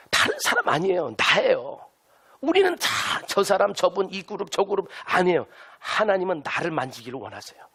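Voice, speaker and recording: A man's voice: fairly high pitch, fairly bright tone, breathy edge. A male pastor preaching a sermon with emphatic delivery, having the congregation repeat lines to their neighbors. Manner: has listeners turn and repeat lines to neighbors.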